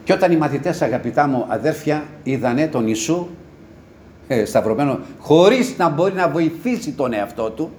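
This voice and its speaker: A male preacher delivers an impassioned sermon, and his voice climbs and falls across a wide pitch range. He moves from loud, urgent cries to low, hushed murmurs. A faint hiss of noise sits under the recording. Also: lively intonation.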